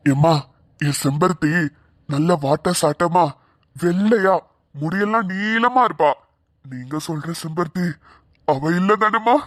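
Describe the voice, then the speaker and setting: A woman's voice: on the low side, lively intonation, no room sound, studio quality, pitched below the performer's own voice. A woman voicing a jolly, talkative old village man in a cartoon, with a teasing, chatty manner. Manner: teasing, chatty, quick to laugh. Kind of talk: cartoon voice acting.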